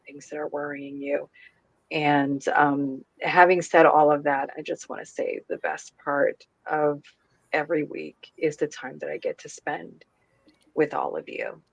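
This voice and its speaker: A woman's voice: low voice, vocal fry, husky, no room sound, poor audio. Woman co-host, sincere and hesitant, lots of ums, dry close mic. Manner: earnest, halting with many ums. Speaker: podcast co-host. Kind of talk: casual chat.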